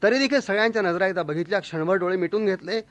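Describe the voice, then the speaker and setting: A man telling a humorous story in a lively, expressive, mock-dramatic way. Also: high voice, very fast.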